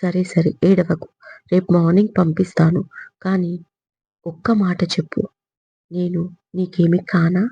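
A woman's voice: lowish voice, flat delivery, unhurried, gravelly, long pauses, breathy edge, dry recording, dull audio, heavily acted. A woman voicing an anxious young husband who coaxes and soothes, read in an audiobook story. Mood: anxious, soothing. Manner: coaxing, soothing. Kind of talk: audiobook character reading.

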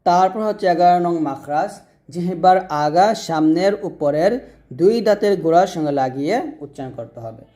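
Mellow-voiced man teaching recitation. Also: fairly high pitch, fairly quick. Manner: patient, repetitive drilling with call-and-repeat prompts. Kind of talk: instructional lesson on Arabic letter pronunciation.

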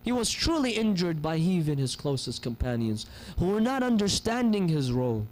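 A man's voice: fairly high pitch, sing-song, moderate pace, a little mellow, low-quality recording. A man in his thirties preaching a sermon from a pulpit chair into a gooseneck mic, telling stories with passion and acting out the people in them. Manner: impassioned storytelling, voices the people in his stories. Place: mosque hall, seated on a pulpit chair. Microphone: gooseneck microphone on a stand.

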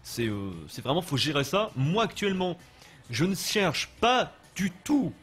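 Young French male streamer, chatty and loose, slightly high pitch, husky tone. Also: big pitch swings, unhurried, a bit bright. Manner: chatty, loose, answers chat, eating while talking. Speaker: gaming livestreamer. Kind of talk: casual live commentary while playing.

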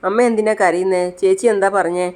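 Storyteller doing a younger sister, confused, asking questions, smooth plain voice. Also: medium pitch, little pitch movement, brisk, natural voice. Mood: puzzled.

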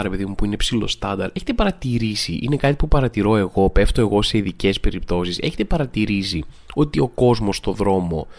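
A man hosting a podcast, telling comic everyday stories and mimicking people in a raised voice. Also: lowish voice. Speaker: podcast host. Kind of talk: comedic monologue.

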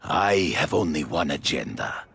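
A theatrical big-game hunter from a video game, hammy as a stage tragedian. The voice is heavily gravelled and husky, with grand, lively swings in pitch. He sounds imposing and self-important. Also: exaggerated voice. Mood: stern, righteous. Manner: hammy stage-actor delivery, slow and dramatic. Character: grandiose, theatrical foreign big-game hunter Kraven, middle-aged man. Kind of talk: video game character acting.

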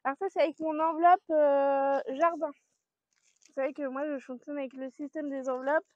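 Chatty woman vlogger, high voice, rambling, dry muffled recording. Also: flat delivery, fairly quick, darkish tone, no echo. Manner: chatty, rambling, with many fillers and laughs. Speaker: vlogger showing her grocery haul. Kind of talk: casual chat to camera. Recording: dry, dull lo-fi sound.

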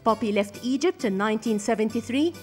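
A woman reads documentary narration in a steady, formal manner. Her voice is on the high side, with soft music faintly underneath. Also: fairly quick.

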